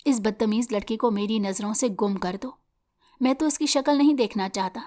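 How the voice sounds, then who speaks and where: A woman's voice: a little high, darkish tone, close to an everyday voice. A woman voicing an angry, unforgiving middle-aged uncle in a story reading. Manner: harsh and blunt.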